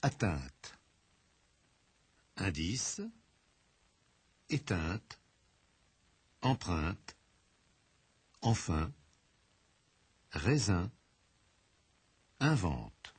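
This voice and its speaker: A man reading French pronunciation drills slowly, with deliberate, careful enunciation, in a dry studio recording. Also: low-pitched, big pitch swings, slightly rough, no room sound. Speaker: language course speaker. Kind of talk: slow, clearly read pronunciation drill.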